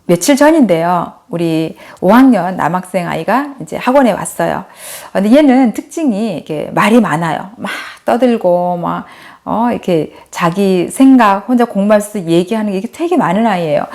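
A middle-aged woman giving a talk to mothers, telling a story from her teaching in a gentle, storytelling way. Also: medium pitch, expressive, normal speed, hardly any pauses. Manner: gentle storytelling, acts out a child's and adults' voices in quotes. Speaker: lecturer for mothers. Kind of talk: spoken lecture with anecdotes.

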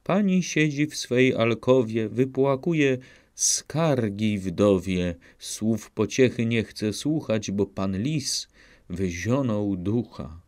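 A man's voice: lowish voice, animated, slow pace, a little mellow. A man voicing a young female cat, a chatty maidservant, speaking in sing-song rhyming replies in a storybook reading. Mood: eager.

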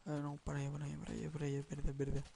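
Excitable young gamer with a Spain Spanish accent. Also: male voice, on the high side, rapid-fire, vocal fry, slight background noise. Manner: excitable, rambling, swearing, sing-song nonsense syllables. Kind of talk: let's play commentary.

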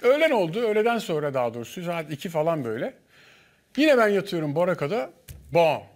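A man guest on a studio panel, telling a lively story and acting out the dialogue. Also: a little high, fast. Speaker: guest, former contestant.

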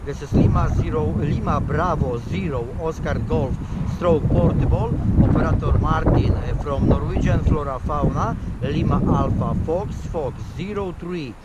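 A man's voice: fairly high pitch, normal speed, hardly any pauses, muffled recording. A man operating amateur radio outdoors, reading call signs in the phonetic alphabet with clipped procedural phrasing. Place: outdoors on open moorland. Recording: loud wind noise outdoors.

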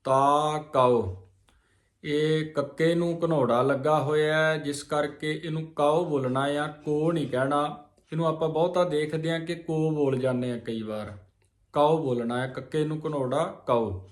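Guy teaching scripture pronunciation, chants the lines real slow, kinda high voice, echoey room. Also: steady tone. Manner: slow chanted recitation broken by quick spoken explanations. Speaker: religious teacher.

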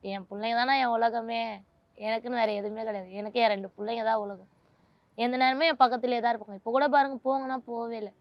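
A woman's voice: fairly high pitch, dry recording, dull audio. A woman, a mother of two, speaks in an emotional interview in a pleading, aggrieved and insistent way.

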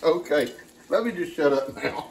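Chatting casually while he cooks, this cooking show host is playful and sprinkles in pet names; his voice is fairly high, expressive, a little mellow, at normal speed. He's recorded in a roomy indoor home kitchen by a camera a few feet off on the counter, with some background noise.

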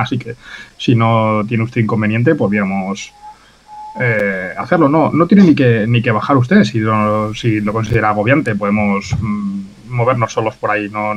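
A man voicing a courteous, discreet Italian scholar in a tabletop game, with a slight put-on Italian accent and polite, halting phrasing. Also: fairly low pitch, a bit bright, natural voice. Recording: muffled voice-chat audio with noise.

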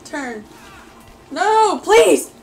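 A woman reacting live to her gameplay, excitably pleading and yelling at the screen, with faint game music behind her. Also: extremely high pitch, drawn-out words, gravelly, slight background noise. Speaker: gameplay video host. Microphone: desk mic.

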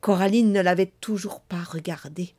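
Warm-voiced woman reading a story. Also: on the low side, fairly even intonation, moderate pace. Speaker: actress reading a book aloud.

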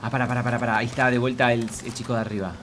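A male gaming streamer with a Rioplatense Argentine Spanish accent provides let's play commentary, chattering to himself and his viewers, repeating phrases, and referring to himself in feminine forms. His mid-range voice is level and very fast, with a noisy background.

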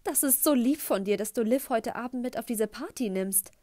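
A woman voicing a gushing, tactless middle-aged mother who talks loudly and effusively. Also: a little high, normal speed, no room sound, pitched above the performer's own voice, close to an everyday voice. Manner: loud, effusive, embarrassing chatter.

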